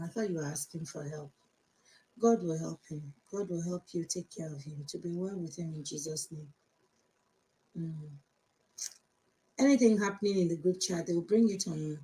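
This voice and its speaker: A woman's voice: fairly low pitch, dark tone, rough recording. A woman in her fifties from Nigeria with a Nigerian accent, chatting outspokenly on a live stream and answering viewer comments, switching between English and Yoruba. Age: 50s.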